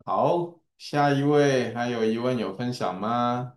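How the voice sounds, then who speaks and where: Pastor, short low-key responses, leading group sharing, roomy echoey sound. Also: slow pace. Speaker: pastor leading a Bible study.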